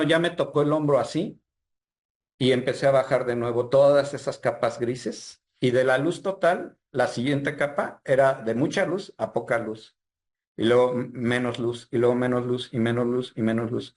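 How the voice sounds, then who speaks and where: A man's voice: medium pitch, darkish tone. A man from Mexico with a Mexican Spanish accent, a healer telling an experience as an interview guest, earnest and re-enacting the dialogue as he goes. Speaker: healer and spiritual guide, guest. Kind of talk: storytelling interview.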